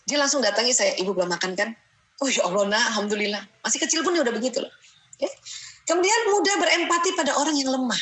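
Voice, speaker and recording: A middle-aged woman gives an animated lecture on parenting and family life. Her voice is bright, forceful and slightly high. She laughs often and keeps checking in with her listeners with a quick "ya". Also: rough recording. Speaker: parenting speaker. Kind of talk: lively lecture with family anecdotes.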